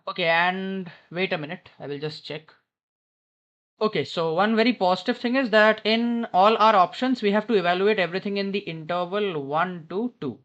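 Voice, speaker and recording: Speaking at a normal speed in a high, slightly bright voice, a man tutors maths informally over a headphone mic in an airport lounge. He thinks aloud and often corrects himself while working through a problem, and the headset sound is dull and lo-fi.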